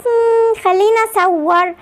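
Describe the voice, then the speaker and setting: A woman's voice: very high-pitched, steady tone, measured pace. A woman with an Egyptian Arabic accent voicing a whiny, self-absorbed teenage daughter in a game story video.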